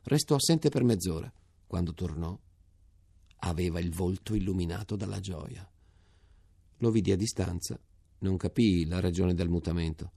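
Deep gravelly male reader. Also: mellow, no room sound, clean studio sound. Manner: measured, sober storytelling. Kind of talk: literary reading aloud.

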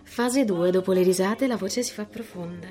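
A woman's voice: mid-range voice, normal speed, warm tone, faint music behind, lightly acted. An actress playing a cheeky, self-assured fifteen-year-old girl in a radio drama. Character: sharp-tongued fifteen-year-old girl, proud and witty.

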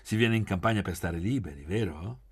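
A man voicing a lively, teasing young woman who plays hostess, with a mocking, playful tone. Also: sits low, fairly quick, slightly rough, heavily acted.

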